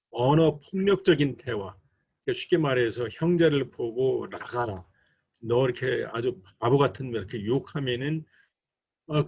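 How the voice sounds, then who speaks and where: Male church instructor and couples counselor, measured lecturing delivery, acts out quotes, muffled lo-fi sound. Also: medium pitch, darkish tone, breathy edge. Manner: slow and deliberate, acts out quoted arguments. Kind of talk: recorded lecture for a training course. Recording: dull lo-fi recording.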